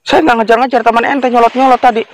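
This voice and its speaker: A man's voice: very high voice, steady tone, quick pace, a little hiss or hum. A man arguing insistently as a companion who came along to protect a friend. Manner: insistent, argumentative. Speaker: companion of a visitor. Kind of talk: heated argument.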